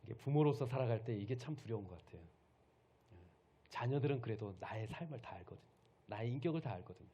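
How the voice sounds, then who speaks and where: Lively storytelling male pastor. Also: mid-range voice, fast, breathy edge. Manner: storytelling, asks the congregation questions. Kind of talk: Sunday sermon.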